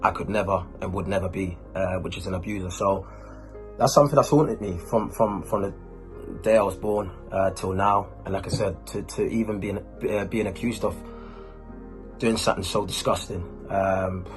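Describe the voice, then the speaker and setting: Speaking over music, a deep-voiced man keeps his intonation fairly even at a normal speed. He's a YouTuber and host of Ghanaian heritage, born and raised in Germany, chatting informally with urban slang while answering questions to camera.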